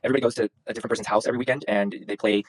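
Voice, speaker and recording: A man's voice: fairly low pitch, steady tone, very fast, no echo, rough recording. A young man from Venezuela, a guest dentist in a casual podcast interview, talking in a rambling way with lots of restarts. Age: young adult. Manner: rambling, frequent restarts and ums.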